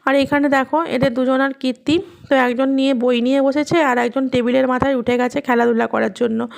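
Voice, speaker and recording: A woman's voice: sits high, flat delivery, brisk, gravelly. A tired, unwell woman narrating her daily home vlog in a chatty voice-over, rambling through her day. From India, West Bengal. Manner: chatty, rambling everyday storytelling. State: weak and tired from illness. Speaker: vlogger.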